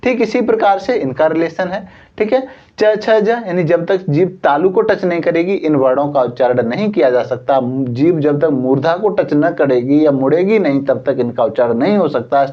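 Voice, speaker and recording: A man teaching Hindi in an online coaching class. He explains slowly, sounds out letters one at a time, and keeps checking with "theek hai". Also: a little high. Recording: slightly dull lo-fi sound.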